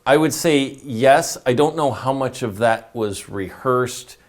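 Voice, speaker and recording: A man's voice: mid-range voice, a little slow. A man chatting casually and giving his commentary as a guest panelist.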